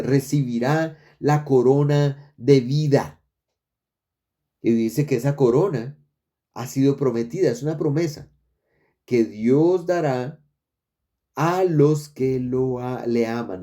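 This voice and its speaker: A man delivers an expository sermon from a church pulpit. His voice is mellow and dark in tone, sitting in the middle of the usual male pitch range. He speaks earnestly, often repeating words for emphasis and calling his listeners brothers. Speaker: pastor.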